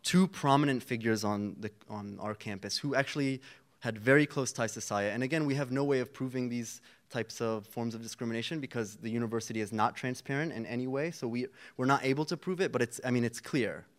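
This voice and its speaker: A man's voice: medium pitch, fairly quick. Earnest young man giving a panel speech. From Palestinian. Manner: earnest, rallying, with frequent fillers and restarts. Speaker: student activist panelist.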